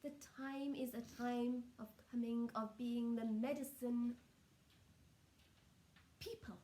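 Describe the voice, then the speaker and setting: A woman speaking as a trance channelling seance medium, solemn and measured, delivering spiritual messages in short halting phrases. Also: fairly high pitch, fairly even intonation, dark tone.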